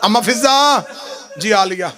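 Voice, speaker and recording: A man reciting a mourning elegy at a religious gathering, dramatic and grieving, rising at times to chanted shouts. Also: sits high, lively intonation, measured pace.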